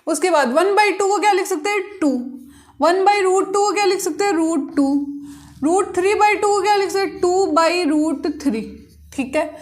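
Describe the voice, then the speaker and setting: High-voiced woman teaching maths. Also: normal speed. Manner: asks the class questions and answers them herself; patient, repetitive step-by-step explaining. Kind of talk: blackboard-style maths lesson.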